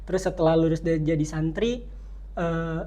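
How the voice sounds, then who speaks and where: A young podcast host with a mid-range voice leads a casual campus interview. The host talks in a chatty, loosely strung style and keeps nodding along with quick acknowledgements. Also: medium pitch, steady tone, warm tone. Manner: chatty, loose phrasing, lots of short acknowledgements.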